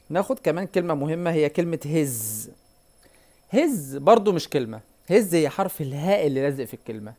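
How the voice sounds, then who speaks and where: Egyptian guy teaching english on a whiteboard, kinda high voice, repeats stuff and asks you questions. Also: a little mellow. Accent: Egyptian Arabic. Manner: repeats words slowly and quizzes the viewer. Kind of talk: whiteboard language lesson.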